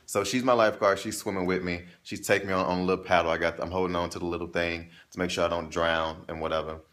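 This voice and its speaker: A man telling a travel story in casual chat, acting out the quotes in a raised, animated voice. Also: low-pitched, fast. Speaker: travel vlog co-host.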